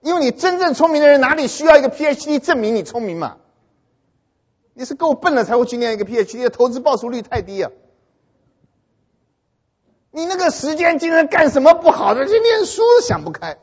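Animated high-voiced man in a hall. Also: brisk, pauses often. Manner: animated, keeps checking if listeners understand. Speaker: speaker addressing an audience. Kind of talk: humorous talk to an audience. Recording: dull long-reverb hall recording.

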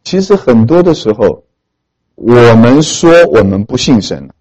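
A man from Hunan, China, preaching a sermon as he tells a story with animated emphasis, often turning to ask his listeners questions. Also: mid-range voice, unhurried, breathy edge, highs cut off. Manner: animated, emphatic, keeps asking the audience questions.

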